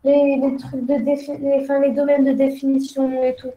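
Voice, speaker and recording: A woman's voice: sits high, monotone, normal speed, dark tone, reverberant, rough recording. A female student answering her math tutor, hesitant as she reads formulas aloud.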